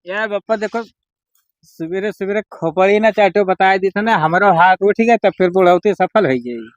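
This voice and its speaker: A man's voice: sits high, moderate pace, no echo, close to an everyday voice. In a dry, lo-fi comedy sketch, a man plays a good-for-nothing village drinker. He argues and wheedles like a grown son pestering his father, in a broad rural Awadhi accent. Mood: dismissive, irritated. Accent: Awadhi, eastern Uttar Pradesh. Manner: wheedling, argumentative.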